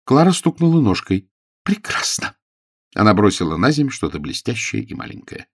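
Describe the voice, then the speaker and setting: A man narrating an audiobook with a lively, expressive reading. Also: on the low side, fairly quick, slightly rough, dry recording, clean studio sound.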